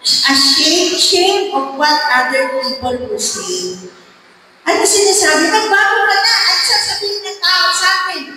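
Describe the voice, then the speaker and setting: A middle-aged Filipino woman giving a lively personal talk to a church group, teasing and asking the audience questions. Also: high-pitched, unhurried, faint music behind. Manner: mixes in English words, teasing, asks the audience questions. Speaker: speaker at a marriage encounter gathering. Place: parish hall. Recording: echoey hall, from far off, faint background noise.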